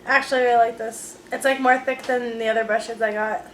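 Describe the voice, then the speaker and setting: A woman's voice: fairly high pitch, steady tone, brisk. A young woman vlogging at home, chatting casually about beauty products with lots of fillers. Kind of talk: casual unboxing chat. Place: room at home. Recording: echoey room, faint noise.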